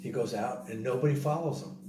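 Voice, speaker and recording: A man recounts a story in lively, casual speech, often repeating phrases and slipping into the voices of the people he describes. He sits some way from the microphone in a roomy, echoing space, with steady background noise throughout. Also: medium pitch, fairly quick. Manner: animated, repeats himself, acts out other people's words. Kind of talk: casual spoken travel story. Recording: roomy, distant mic, noisy background.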